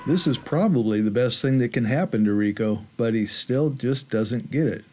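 A man's voice: medium pitch, moderate pace, dark tone, a little hiss or hum. A man reading scripted narration as the narrator of a film recap.

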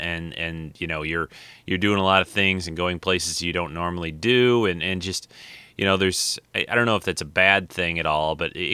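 A middle-aged American man hosting a podcast in casual, rambling chat, often halting and repeating words. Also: low voice, pushed and bright, clear, resonant tone, dry recording. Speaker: podcast host.

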